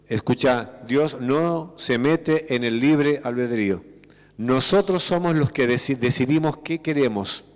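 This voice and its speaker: Rioplatense guy preaching, kinda high voice, lots of questions, long church echo. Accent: Rioplatense Spanish. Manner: voseo, rhetorical questions, acts out church members. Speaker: pastor. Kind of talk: sermon. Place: church sanctuary.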